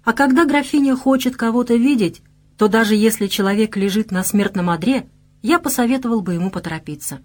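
A woman's voice: a little high, a little fast, darkish tone, lightly acted. A woman voicing a teasing young nobleman in an audiobook, speaking in a mocking, joking way.

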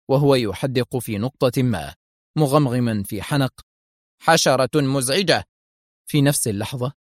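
A man narrating an audiobook in a steady storytelling manner. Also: mid-range voice, dry recording, clean studio sound. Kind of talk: audiobook reading of a spy novel.

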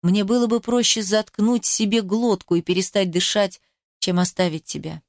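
A woman reading an audiobook, voicing a stern, intense, protective grown man in a low, hushed, grave tone. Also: fairly even intonation, moderate pace, no room sound, studio quality, close to an everyday voice. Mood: tender.

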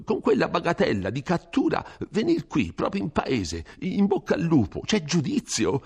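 A frightened old village priest stammers and frets in a high, strained, lively voice. His words pile up in nervous bursts, fussy and anxious. The sound is a storybook reading. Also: vocal fry, slightly rough, exaggerated voice. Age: older. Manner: fretful, stammering, high and agitated. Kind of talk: audiobook character reading.

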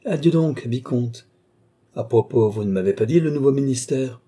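A man's voice: mid-range voice, normal speed, warm tone, breathy edge, pitched above the performer's own voice, close to an everyday voice. A man reading the part of a scheming old male marshal at court, with silky, ironic courtesy.

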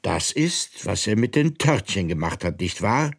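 A man voicing a pompous, fussy old king of cards, self-satisfied and quick to take offence, in a storybook reading. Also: on the low side, sing-song, husky, full character voice.

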